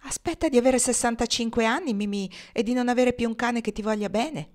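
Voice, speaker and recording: A playful young man in love, full of quick, bright comebacks, as a woman reading a novel voices him. His lines sit high and lively. The voice stays close to an ordinary reading voice. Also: close to an everyday voice.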